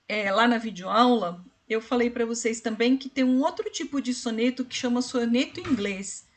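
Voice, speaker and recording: A woman teacher, her voice sitting a little high for a woman. She talks through a screen-shared lesson in a patient, explanatory way. She often stops to ask "né?" and slows right down to count syllables aloud. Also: fairly bright tone. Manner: explanatory, repeats "né?" and "ó"; slows down to count syllables and spell out rhyme schemes. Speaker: literature teacher. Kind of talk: online tutoring session.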